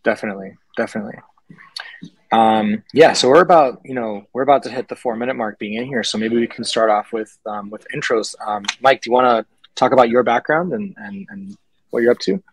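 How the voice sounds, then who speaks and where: A man's voice: mid-range voice, a little fast, breathy edge, dry recording, rough recording. A man in his thirties from Puerto Rico hosting a video-call panel, friendly and casual, often repeating a word as he starts a phrase. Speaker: panel host, software engineer. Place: office room indoors. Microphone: laptop webcam mic on a video call.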